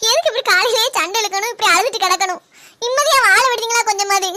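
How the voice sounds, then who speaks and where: Woman doing young cartoon daughter-in-law, indignant, talks back, bright, fast. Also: very high-pitched, a little hiss or hum.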